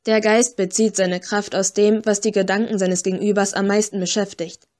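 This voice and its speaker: A woman's voice: mid-range voice, level tone, moderate pace, darkish tone, close to an everyday voice. A woman voicing a stocky, bookish young man who explains ghost lore in an audiobook. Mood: earnest explaining.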